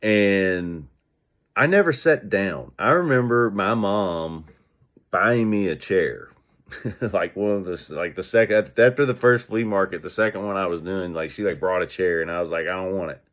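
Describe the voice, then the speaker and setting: A man speaking as a business owner, telling stories and giving advice in an energetic, conversational way. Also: deep voice, a little slow, muffled recording. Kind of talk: casual motivational talk.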